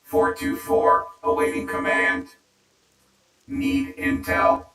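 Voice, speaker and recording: A man voicing a broken old male war robot through a glitching robot voice filter, giving clipped reports and repeating errors. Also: slow. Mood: mechanical. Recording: echoey, distant, with music behind.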